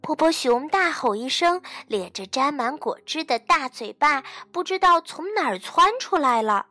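A woman storyteller reading a children's bedtime story in a slow, soothing way. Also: sits high, animated, no echo, faint music behind. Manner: slow, soothing, fading to soft.

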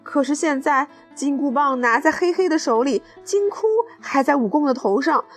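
A woman's voice: high-pitched, animated, moderate pace, soft background music. A woman reading a children's picture book aloud to a child, adding chatty asides to her young listener.

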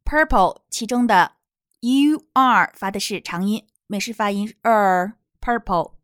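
A woman teaching English pronunciation from a picture book, explaining slowly and demonstrating words. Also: mid-range voice, animated, a bit bright, dry recording, studio quality.

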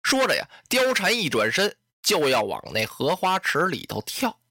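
A storyteller telling a classic tale in an animated way, voicing sound effects and adding asides. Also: mid-range voice, normal speed, no room sound, clean studio sound. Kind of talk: traditional storytelling.

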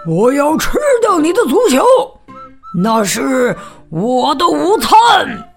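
A woman voicing a rude, hungry male elephant who talks loud and rough in a storybook reading. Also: sits high, very animated, slow, soft background music, heavily acted.

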